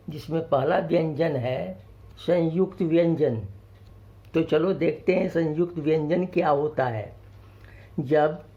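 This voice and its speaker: A man teaching a grammar lesson to children, slowly and patiently, explaining each point twice. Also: fairly high pitch, highs cut off.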